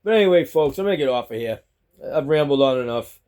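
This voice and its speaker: This vlogger, a middle-aged man speaking with a Boston accent, talks quickly and expressively in a medium-pitched, slightly dark voice. He rambles casually to a phone on a selfie stick at home, chatty and going over the same points more than once.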